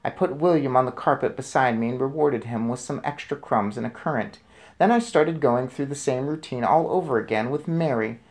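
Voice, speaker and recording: Hosting a children's storybook read-aloud, a man with a medium-pitched, fairly quick voice reads and adds casual commentary. He chats enthusiastically and asks the young listeners questions.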